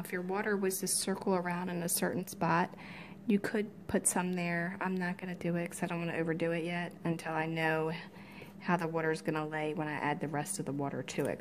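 A woman's voice: on the low side, slight background noise. Woman murmuring craft painting steps. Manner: relaxed, murmured step-by-step instructions. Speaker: craft tutorial host. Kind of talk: hands-on craft tutorial. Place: cluttered home craft room, indoors.

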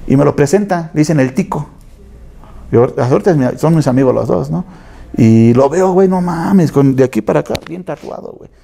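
A man's voice: fairly high pitch, lively intonation, fairly quick, gravelly, dark tone. A man with a Mexican accent telling stories in a casual interview, slangy and acting out other people's voices. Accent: Mexican, Mexico City area. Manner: slangy, acts out quoted voices, frequent tag questions. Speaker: tattoo artist interviewee.

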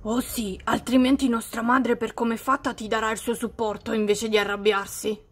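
Woman voicing a high-pitched, skeptical teen-girl doll in a doll story. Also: level tone, normal speed, slightly rough. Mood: instructing. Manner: wry, skeptical. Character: confident teen girl doll, competitive friend. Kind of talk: doll story role-play.

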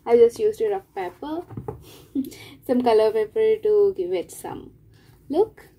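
Sitting in a small room at home, a young adult book vlogger gives a casual review to the camera, thinking out loud hesitantly. Her voice sits on the high side, slow, mellow and husky.

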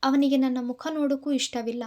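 A woman's voice: sits high, fairly even intonation, fast talker, warm tone, natural voice. A woman voicing a grieving older mother estranged from her son, speaking in a tearful, pleading way.

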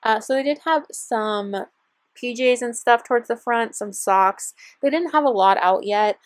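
A woman's voice: a little high, a little slow, no room sound. A young woman chatting in a bubbly, gushing way as a vlogger, talking over her shopping footage. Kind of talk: shopping vlog voiceover. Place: parked car.

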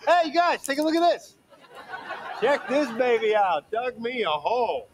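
A man's voice: very high voice, animated, normal speed, a crowd in the background. An actor playing a goofy, blunt young man in a sitcom, talking with his friends. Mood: proud. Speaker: sitcom character. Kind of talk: sitcom acting. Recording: noisy TV audio with laugh track.

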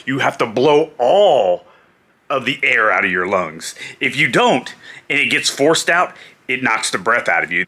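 A middle-aged man, a former pro wrestler, animatedly telling a road story with laughs. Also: on the high side. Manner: animated, laughing, acting out voices. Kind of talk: storytelling vlog.

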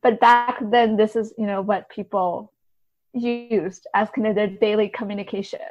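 A woman literary translator answers interview questions at normal speed, her medium-pitched voice fairly even in intonation. She hedges a lot, softening her explanations in a conversational manner. Sound quality is dull and lo-fi.

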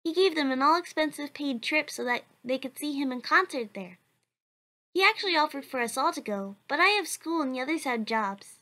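A woman voices a cheerful, earnest child answering questions for a blog in a comic dub. She sounds bright, chatty, and animated, with a high voice and a fairly quick pace.

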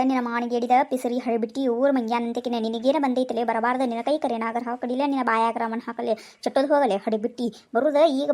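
A woman's voice: fairly high pitch, pitched below the performer's own voice, lightly acted. A woman voicing a cranky old village woman in a cartoon, scolding and cursing in a North Karnataka accent. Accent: North Karnataka Kannada. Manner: scolding, abusive muttering. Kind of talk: cartoon voice acting.

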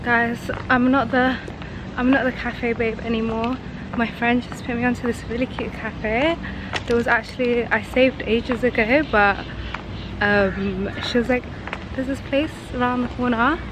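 A woman's voice: fairly high pitch, measured pace. Chatty young woman vlogging outdoors. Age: young adult. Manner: chatty, filler-heavy, relaxed. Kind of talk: casual vlog chat to camera. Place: outdoors in a hot city, cafes, beach and street. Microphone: phone or camera held at arm's length. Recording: loud outdoor noise and traffic.

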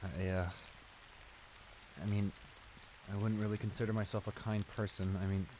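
The speaker, a man with a lowish voice, talks at normal speed and acts only lightly. Playing a flustered young bully in an improvised roleplay audio drama, he apologizes in a hesitant, stammering way as steady rain falls in the background.

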